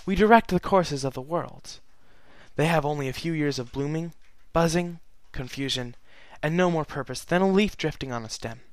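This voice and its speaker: A regal immortal pony princess, sorrowful and solemn, put on by a male reader. Her voice sits noticeably above his usual register and stays earnest and measured. The sound is dry and close. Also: a little high, no room sound, voice pushed up, close to an everyday voice. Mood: solemn, wistful. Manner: solemn, earnest letter-reading. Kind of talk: fan fiction reading.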